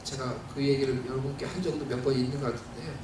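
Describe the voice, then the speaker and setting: A man's voice: mid-range voice, level tone, quick pace, background noise. A male pastor preaching a sermon, telling a personal story in a heartfelt, conversational way with many fillers. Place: church sanctuary. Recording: very echoey church hall, mic at a distance.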